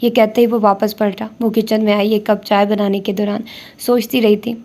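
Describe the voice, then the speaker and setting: A woman narrates a romance novel in a steady, even reading voice. Her pitch stays flat and narrow. Her tone is dark and mellow. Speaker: audiobook narrator.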